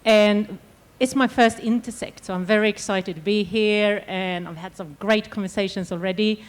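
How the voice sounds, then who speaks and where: A woman's voice: mid-range voice, fairly even intonation, normal speed. Woman moderating a conference panel. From Sweden. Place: conference stage.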